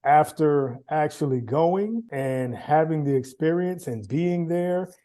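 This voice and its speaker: A man talks through his story in an easy, chatty way, acting out the voices of others as he goes. His voice sits a little high but sounds mellow and warm, not bright. He keeps the telling loose and animated. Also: slow. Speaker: guest, former quarterback. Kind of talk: casual storytelling conversation.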